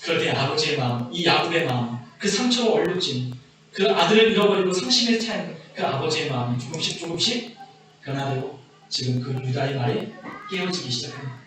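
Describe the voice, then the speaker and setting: A man preaching an earnest sermon, his voice sitting high for a man. The sound is distant, washed in heavy church reverb with a faint hum of the room behind it. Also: expressive, a little fast, fairly bright tone. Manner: earnest preaching, voice rising and falling with emphasis. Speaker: pastor. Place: church sanctuary. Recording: echoey church hall from far off.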